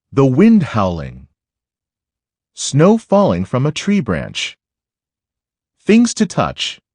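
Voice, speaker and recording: A man reads a children's nonfiction picture book aloud slowly and deliberately, phrasing things for young listeners. His slightly husky, darkish voice rises and falls dramatically from phrase to phrase, and the recording is dry.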